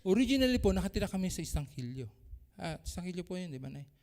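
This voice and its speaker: High-voiced animated preacher in a hall. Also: male voice, quick pace. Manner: animated, swings between loud exclamations and soft asides. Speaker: pastor. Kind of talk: sermon. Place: church. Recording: church hall with long reverb.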